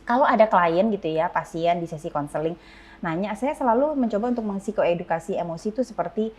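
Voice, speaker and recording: A woman's voice: mid-range voice, quick pace. A middle-aged woman counselor, explaining things in casual podcast talk and slipping English words in. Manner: animated explainer, mixes English words into speech. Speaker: counselor guest.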